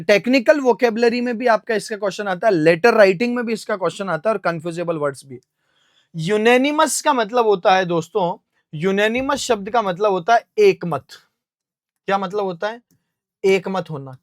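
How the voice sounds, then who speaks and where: High-voiced Indian man teaching vocabulary. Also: no room sound, clean studio sound. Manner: explains step by step, asks and answers his own questions; spells words out slowly letter by letter. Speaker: English teacher. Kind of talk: classroom vocabulary lesson.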